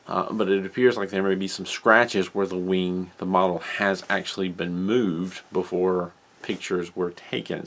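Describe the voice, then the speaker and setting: A man hosting a casual hobby news update, rambling and correcting himself as he reads out model details. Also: low voice. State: has the hiccups. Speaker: hobby channel host. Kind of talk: casual solo news commentary.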